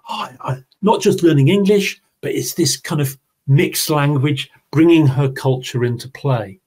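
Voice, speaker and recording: With a mid-range, slightly mellow voice, a man presents an online teaching seminar. He explains things as he walks his audience through his slides.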